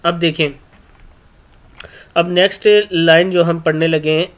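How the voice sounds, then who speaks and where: A man teaching children to read sounds letter by letter, repeating each one several times and often clearing his throat. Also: fairly high pitch, little pitch movement, unhurried, a bit bright. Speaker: Quran reading teacher. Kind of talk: slow letter-by-letter lesson for children. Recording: dull lo-fi recording.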